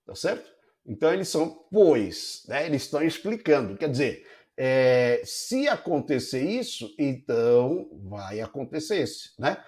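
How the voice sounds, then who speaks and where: A man's voice: mid-range voice, very animated, unhurried, a little mellow. A middle-aged man teaching a recorded online lecture, explaining step by step and checking in with frequent tag questions. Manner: explanatory, many checking "né?" tags.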